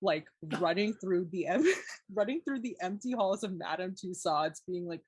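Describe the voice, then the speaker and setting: A woman's voice: lowish voice, moderate pace, husky, dry recording. A young woman co-hosting a podcast, chatting casually and retelling a story with lots of "like"s and acted-out quotes. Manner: animated storyteller, many "like"s, acts out quotes. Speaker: podcast co-host. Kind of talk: casual chat.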